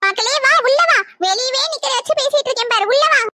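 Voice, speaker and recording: A woman's voice: very high-pitched, fast, background noise. Woman voicing doting cartoon village mother. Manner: doting, coaxing, village Tamil talk. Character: warm fussing village mother, middle-aged.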